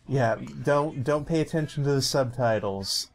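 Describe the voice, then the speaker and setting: A man's voice: mid-range voice, normal speed. A young man giving casual let's play commentary, rambling with many fillers and restarts and laughing often.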